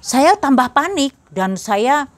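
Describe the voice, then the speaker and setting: A woman's voice: high voice, sing-song, takes it slowly. A middle-aged woman giving a personal faith testimony, telling her story earnestly and speaking straight to the listeners. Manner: earnest storytelling, addressing listeners as brothers and sisters.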